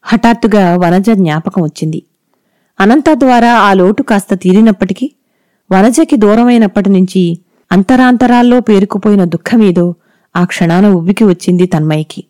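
A woman narrates a story in a calm, even voice. Her tone is mellow and dark, recorded dry and close. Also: mid-range voice, moderate pace, no echo.

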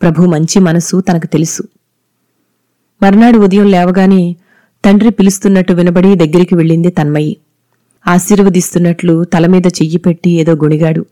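A narrator reading a story aloud in a measured, even storytelling manner. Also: mid-range voice. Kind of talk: scripted audiobook narration.

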